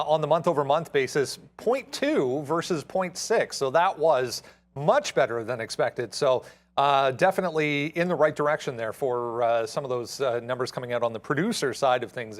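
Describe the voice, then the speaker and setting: A man co-hosting a livestream, explaining market news in an unscripted, halting way. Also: medium pitch. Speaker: co-host reporting market news.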